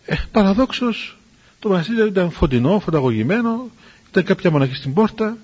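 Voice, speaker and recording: Husky high-voiced man telling a story. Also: dull audio. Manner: lively storyteller who acts out the dialogue. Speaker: preacher telling an edifying story. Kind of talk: spoken storytelling to listeners.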